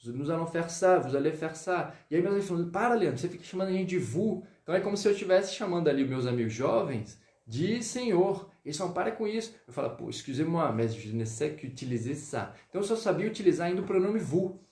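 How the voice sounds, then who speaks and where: A man teaching French in a live online lesson, greeting viewers and drilling pronunciation slowly. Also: sits high, lively intonation, darkish tone, reverberant. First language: Portuguese.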